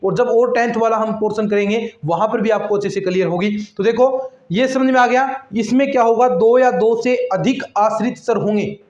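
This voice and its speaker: A male maths teacher with a high, slightly mellow voice gives an online exam-prep lecture at normal speed with few pauses. Chatty and repetitive, he treats students as friends and lectures them about attendance. The room is echoey and the sound a bit dull.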